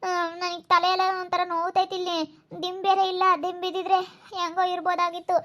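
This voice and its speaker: A woman's voice: extremely high pitch, completely flat delivery, fast talker, muffled recording. A woman voicing a young village woman who nags and scolds in a Hiriyur Kannada accent. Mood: complaining. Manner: nagging, scolding, complaining.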